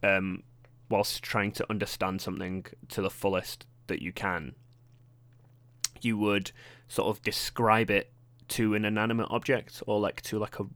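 A young British man with a posh accent chats alone into a close microphone, hosting his own podcast. His voice sits fairly low, and he rambles along with many fillers and self-deprecating asides. The sound is dry, with almost no room around it. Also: flat delivery, unhurried, a bit bright, dry recording. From Britain. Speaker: podcast host. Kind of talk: casual solo podcast chat.

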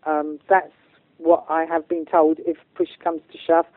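Her voice is low and her delivery flat and a little slow as this medium and channeller speaks informally on a spiritual interview. She is earnest and emphatic, using colloquial language. The audio is a dry, narrow, phone-like line with no room sound.

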